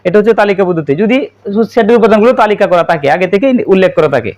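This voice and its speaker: A male math teacher with a Bangladeshi Bengali accent talks quickly in a very high voice. He runs a classroom lesson, firing questions at his pupils and echoing their replies back to them. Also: lively intonation, a little mellow, muffled recording. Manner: asks the class questions and repeats their answers.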